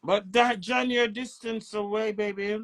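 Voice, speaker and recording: With a steady, mid-range voice and a slightly slow pace, a woman hosts a flirty, casual live stream from her home, playfully teasing as she talks. Her accent is Jamaican with a British touch, and there's slight background noise.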